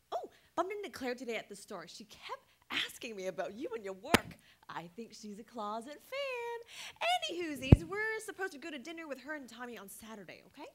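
An actress playing a giggly, chirpy homemaker wife in a stage musical. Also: female voice, high voice, huge pitch swings, moderate pace, heavy background noise.

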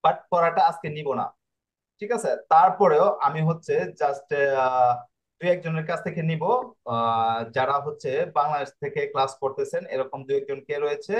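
A man's voice: on the high side, moderate pace, dull audio. A man teaching Italian pronunciation in an online class. He explains in a repetitive way and keeps checking with his students.

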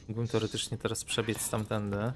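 A man hosting a let's play, excitable and joking, swearing often as he commentates casually. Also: on the low side. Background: game audio.

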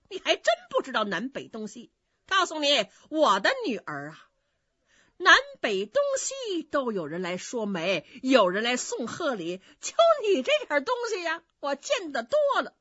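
A woman voicing a clever, sharp-tongued innkeeper's wife who scolds, in a dry, slightly dull recording. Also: fairly high pitch, huge pitch swings, dry recording, full character voice. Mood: scolding. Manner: scolding, quick-witted.

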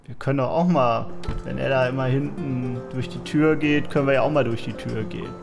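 A man's voice: mid-range voice, fairly quick, gravelly, over music. A man hosting a let's play with casual game commentary.

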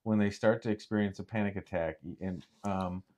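A man, a therapist co-hosting a podcast, chatting casually and acting out panicked and calming self-talk. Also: lowish voice, moderate pace, lo-fi sound. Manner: animated storyteller, acts out panicked and calm self-talk. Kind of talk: casual chat.

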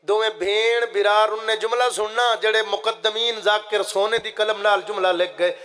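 Guy preaching a majlis, high bright voice, calls out to the crowd and slides into chanting. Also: fairly even intonation, normal speed. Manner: impassioned, addresses listeners directly, swells into chanting. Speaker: zakir reciting a majlis. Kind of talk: Muharram majlis recitation with sung lament.

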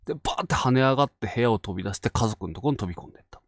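A man from Fukushima hosting and narrating a spoken ghost story, dropping to hushed tones for tension. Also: medium pitch, animated, very fast, dry recording, studio quality. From Fukushima Prefecture, Japan. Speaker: ghost story teller and host.

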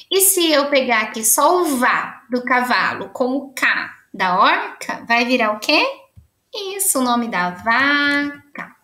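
Cheerful high-voiced woman teacher. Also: sharp tone, echoey room. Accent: Brazilian Portuguese. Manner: cheerful, encouraging, sounds out syllables slowly. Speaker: primary school teacher. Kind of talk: remote lesson for young children.

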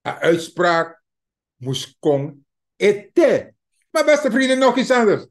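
A man's voice: high voice, very animated. A man with a Surinamese Dutch accent giving a mocking, emphatic political commentary to his viewers. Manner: slow, mocking, emphatic, addresses viewers as dear friends. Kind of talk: opinion commentary monologue.

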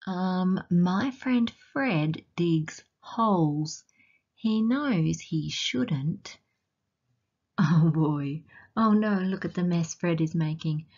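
An Australian woman reads a picture book to young children at an unhurried pace, pausing to ask them questions. Her voice sits a little low and has a soft, breathy huskiness. The recording sounds somewhat dull and lo-fi. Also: animated. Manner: gentle teacherly questions to young listeners. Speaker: children's storytime reader.

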